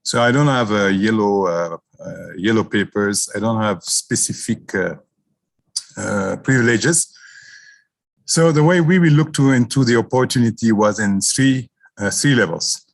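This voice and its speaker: A man's voice: on the low side, a little slow, creaky, no echo. A man from Ethiopia speaking as a business founder on an online panel, frank and full of hesitant fillers.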